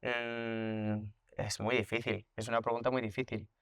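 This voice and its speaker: Actor and voice teacher, thoughtful. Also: male voice, mid-range voice, level tone, unhurried, a bit bright, clean tone, no echo, studio quality. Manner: reflective, thinks aloud with restarts and repetitions; explains with hands-on examples and comparisons. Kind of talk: conversational interview.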